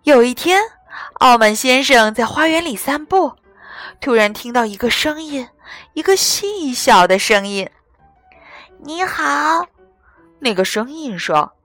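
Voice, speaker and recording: A woman reads a children's story aloud, slow and unhurried, her pitch rising and falling with lots of expression. The sound is close and dry, with soft music playing faintly underneath. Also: no echo. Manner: gentle and expressive.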